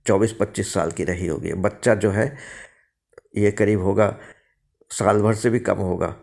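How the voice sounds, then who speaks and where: A man's voice: fairly low pitch, steady tone, measured pace, creaky, a little mellow. A man narrating his own ghost story in the first person, rambling, with many fillers and restarts. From India.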